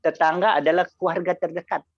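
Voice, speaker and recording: A man's voice: fairly high pitch, level tone, quick pace, no room sound, dull audio. A man speaking in a motivational sharing session, telling a story with casual slang and acting out both sides of a conversation. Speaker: insurance agent sharing experience.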